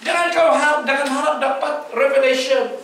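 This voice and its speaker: A man's voice: extremely high pitch, normal speed, a bit bright, a little hiss or hum. A male preacher, giving an emphatic sermon and questioning his congregation. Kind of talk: sermon mixing Malay and English. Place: church hall. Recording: echoey hall, voice from far off.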